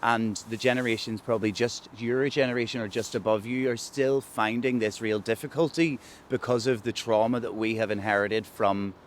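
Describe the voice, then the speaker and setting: A middle-aged man with a Northern Irish accent, reflective and measured in a documentary interview. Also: mid-range voice, steady tone. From Northern Ireland. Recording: light background noise.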